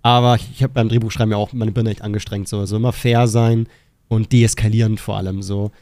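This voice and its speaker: A man co-hosting a casual podcast, rambling and animated, swearing casually. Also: fairly low pitch, fast, no echo. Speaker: podcast co-host. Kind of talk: casual chat.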